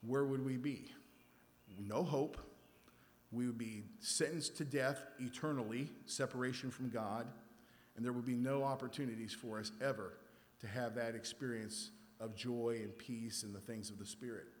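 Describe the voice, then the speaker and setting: A man's voice: mid-range voice, fairly even intonation, normal speed, long reverb tail. A man preaching a scripture sermon in a conversational way, often checking in with his listeners. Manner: conversational, checks in with "right?" and "okay?".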